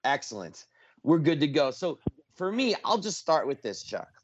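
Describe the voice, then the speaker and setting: A man hosting a radio talk show, speaking with energy and emphasis as he makes a pledge appeal and spells out details slowly. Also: fairly high pitch, sing-song, muffled recording, slight background noise.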